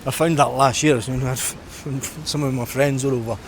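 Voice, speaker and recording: Here a middle-aged vlogger from Scotland talks casually and reflectively as he walks the busy seafront. His mid-range voice moves at normal speed with fairly even intonation. Street noise and passing traffic are audible throughout.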